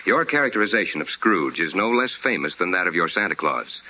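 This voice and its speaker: A deep, animated male voice, a little fast, pushed and bright, with a bit of hiss or hum. He's an American radio host and sponsor announcer speaking in a formal, polished, scripted 1950s style with emphatic delivery, heard on a dull old radio broadcast with music.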